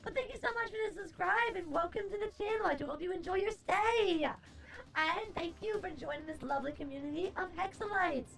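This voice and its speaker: A woman's voice: very high voice, brisk, creaky, fairly bright tone. A woman hosting a livestream in playful, theatrical chat with a horror-host flair. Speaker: livestream host, VTuber-style streamer. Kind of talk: theatrical horror-host greeting turning to casual stream chat. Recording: music behind the voice.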